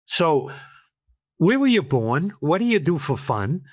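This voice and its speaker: An older man with a slightly high, very animated voice hosts an interview podcast at a measured pace, chatting casually in a rambling, storytelling way with lots of restarts. The studio-quality recording has no echo.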